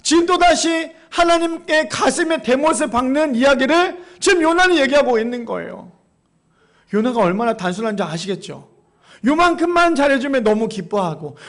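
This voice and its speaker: A man's voice: very high voice, fairly bright tone. A man preaching a sermon as pastor, emphatic, often quizzing the congregation.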